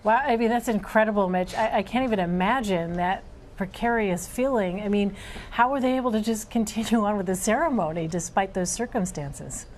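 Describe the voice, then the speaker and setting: A woman's voice: mid-range voice, a little fast, darkish tone, a little hiss or hum. A woman anchoring TV news, conversational as she interviews a caller.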